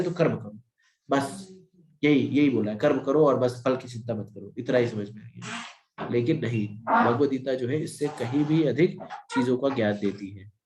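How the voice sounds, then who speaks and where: A man with a mid-pitched voice gives a devotional scripture class. He asks questions and answers them himself. The room around him sounds echoey. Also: darkish tone, a little hiss or hum. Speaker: Gita teacher.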